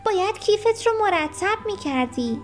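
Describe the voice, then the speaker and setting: A woman's voice: very high-pitched, animated, soft background music, voice pushed up. A woman voicing a prim, clever little girl in a storybook who speaks matter-of-factly.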